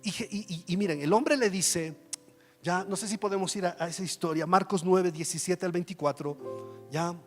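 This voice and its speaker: A man with a high voice delivers a conversational sermon, asking the congregation rhetorical questions and acting out Bible scenes. His voice rings through a large church hall with a long reverb tail, and soft music plays underneath. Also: normal speed. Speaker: pastor.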